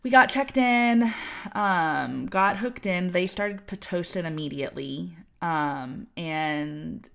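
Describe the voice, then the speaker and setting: A woman co-hosting a podcast casually chats while telling her birth story, full of fillers and quoted voices. Her voice is on the low side and creaky, and she speaks at a slow pace.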